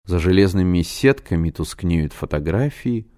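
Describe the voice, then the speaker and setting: A man reading a novel aloud as narrator, in an expressive storytelling manner. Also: deep voice, moderate pace. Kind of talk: scripted narration.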